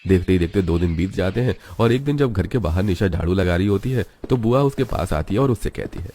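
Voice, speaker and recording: A man narrating a children's cartoon story in a measured, scripted way. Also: sits low, animated, mellow.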